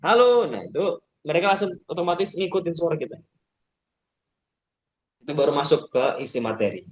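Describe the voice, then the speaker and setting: In a fairly high, lively and brisk voice, a man teaches public speaking in a laid-back webinar, going step by step and frequently closing sentences with a filler. He impersonates yelling teachers and cheerful call-and-response. The recording sounds muffled.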